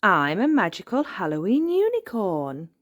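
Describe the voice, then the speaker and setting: Woman doing a bouncy, excitable piglet girl for a kids' storybook read-aloud; high, lively, eager. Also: moderate pace, dry recording, clean studio sound. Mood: excited.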